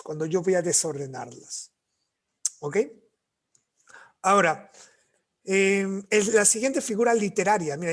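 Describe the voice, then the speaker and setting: A male literature teacher, giving an online class and explaining things in a repetitive way, often checking in with his students. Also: fairly high pitch.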